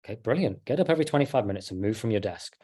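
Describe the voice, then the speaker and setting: A man's voice: fairly low pitch, expressive, racing, mellow. A man in casual conversation, explaining health advice in a chatty way with fillers. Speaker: health coach.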